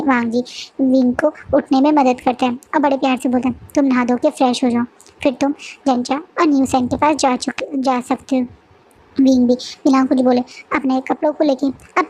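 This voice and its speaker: A woman retelling her own fanfiction story in a casual, chatty narration, often pausing with fillers and restarting phrases. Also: high voice, darkish tone.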